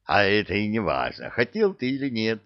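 A man voicing a gruff, foul-mouthed middle-aged army general who shouts and curses at his son. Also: on the low side, big pitch swings, normal speed, no room sound. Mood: ranting. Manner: shouting, cursing, blustering. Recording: dull dry recording.

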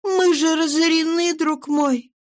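A woman's voice: very high-pitched, steady tone, unhurried, pitched above the performer's own voice. A woman reader raising her voice to play a devoted, anxious wife who speaks fervently and pleadingly.

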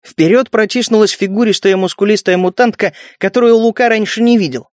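High-voiced male audiobook narrator. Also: fairly quick, no room sound, studio quality. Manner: steady storytelling. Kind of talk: scripted narration.

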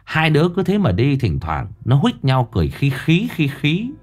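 A male storyteller narrating a ghost tale. His delivery is expressive, his pitch rising and falling a great deal as he spins the story. He speaks at an even middle pitch. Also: moderate pace, faint music behind.

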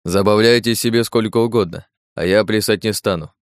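A man's voice: on the low side, a little fast, clean tone, dry recording, studio quality, natural voice. A man voicing a wary old village priest. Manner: hesitant, subdued. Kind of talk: audiobook character voice.

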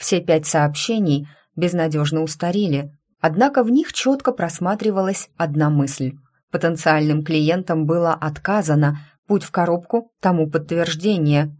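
A woman narrating a first-person story in a steady, unhurried reading voice. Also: sits low. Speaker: audiobook narrator.

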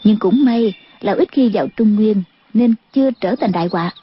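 A woman narrating a martial-arts audiobook with a steady storytelling delivery, in a dull lo-fi recording. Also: medium pitch, moderate pace, slightly rough, no room sound. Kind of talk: scripted narration.

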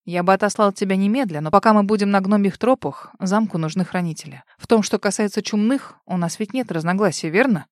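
Quiet, controlled young nobleman, as a woman reads him; low, even voice in a dry, close sound. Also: fairly quick, few pauses, dry recording, natural voice. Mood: cold. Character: calm, cold-voiced young nobleman, a commander.

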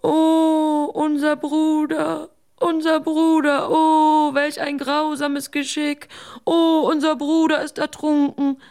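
A woman's voice: flat delivery, slow, darkish tone. A woman doing a wailing, grief-struck fool. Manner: high, wailing lament. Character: wailing, grief-stricken foolish man.

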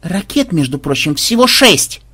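Man doing a snippy sarcastic young woman, high husky voice. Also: big pitch swings, a little slow, sharp tone, heavily acted. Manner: dry sarcastic remarks. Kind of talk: audiobook voice acting.

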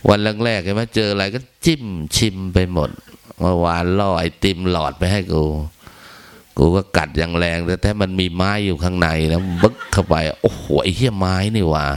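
A man's voice: low-pitched, gravelly, smooth. A man giving a casual, humorous Buddhist Dhamma talk in earthy, crude language, often acting out the people he describes in raised voices.

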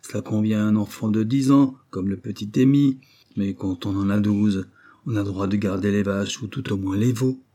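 Grumbling farm boy, spiteful, mellow husky voice, from a male narrator. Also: lowish voice, moderate pace, natural voice. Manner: grumbling, resentful. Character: sulky boastful twelve-year-old farm boy.

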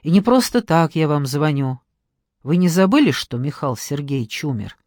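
A woman's voice: sits low, animated, normal speed, a little mellow, no room sound, studio quality. A woman reading an audiobook, voicing a stern middle-aged woman who talks in an indignant, curt, commanding way.

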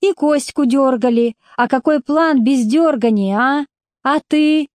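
A woman's voice: on the high side, unhurried, dark tone, no room sound, lightly acted. Woman reading as a blunt working mother. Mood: indignant. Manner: blunt homely folk speech. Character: plainspoken working-class mother, blunt and stubborn.

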